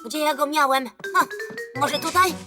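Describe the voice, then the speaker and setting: An actor voicing an excitable little boy who loves sweets in a cartoon dub, loud and easily thrilled. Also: high-pitched, measured pace, music in the background. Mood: excited. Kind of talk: cartoon dub, sung theme song.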